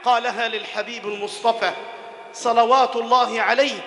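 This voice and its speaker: A man with an Egyptian Arabic accent preaching a Friday sermon, dropping to soft lowered phrases and then rising to loud shouted climaxes, repeating words for emphasis and chanting scripture. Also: fairly even intonation, a little fast. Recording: echoey hall with long reverb.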